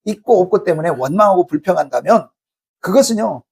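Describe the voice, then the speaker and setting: Gravelly, husky pastor preaching emphatically. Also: male voice, high voice, animated, brisk, darkish tone. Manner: emphatic, rhetorical questions to the congregation; acts out angry complaints to God. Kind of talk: sermon. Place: church sanctuary.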